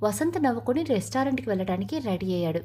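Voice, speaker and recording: A woman tells a family drama in scripted narration, with a high voice. Her tone is breathy rather than clear. She speaks the characters' lines herself and lifts her voice for them. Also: animated, fast, warm tone. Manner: reads all parts herself, lifting her voice for dialogue. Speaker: storyteller.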